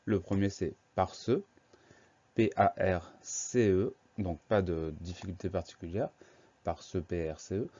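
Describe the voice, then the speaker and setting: A low-voiced male teacher with a mellow tone walks through a spelling lesson, spelling each word letter by letter. He speaks slowly and patiently. The recording is a bit dull and lo-fi.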